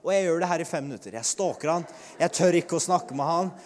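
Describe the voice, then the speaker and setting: A man's voice: a little high, a little hiss or hum. Man preaching in an echoing hall. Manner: lively storytelling, acts out quoted people. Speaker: preacher telling a testimony. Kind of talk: testimony sermon. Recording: long hall reverb.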